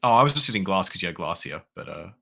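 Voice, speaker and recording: A man's voice: sits low, expressive, rapid-fire, vocal fry, bright, forceful tone. An Australian man chatting casually while building in a game, rambling eagerly through ideas. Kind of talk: casual gaming chat.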